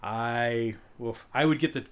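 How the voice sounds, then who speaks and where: In an unhurried, clean-toned voice of medium pitch, a man keeps a podcast conversation loose, wandering off topic, joking, and frequently starting his sentences over as co-host.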